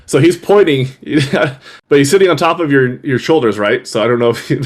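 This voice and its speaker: A tabletop game master narrates the scene with a very animated, swinging voice. The delivery is loose and chatty, full of restarts and easy laughter. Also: mid-range voice, a little fast.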